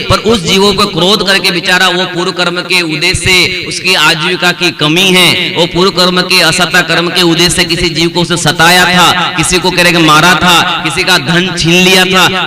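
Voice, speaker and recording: A man giving a religious discourse as a pandit, preaching in a conversational way that often repeats phrases and addresses listeners by name. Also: high-pitched. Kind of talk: sermon. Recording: noisy crowd in the background.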